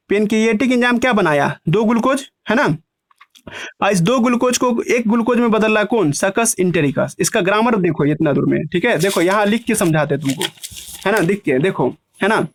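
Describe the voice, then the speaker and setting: A man teaching a biology class online, in the style of a lecture. He keeps asking "है ना" and stretches key terms out slowly, word by word. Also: sits high, no room sound, clean studio sound. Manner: breaks terms into slow emphatic chunks.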